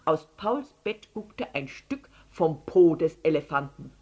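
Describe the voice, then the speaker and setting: A woman reads a children's story aloud in an unhurried, expressive way. Her pitch rises and falls a lot, and her voice has a soft, husky edge. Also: lo-fi sound. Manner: expressive, slow, drops to whispers.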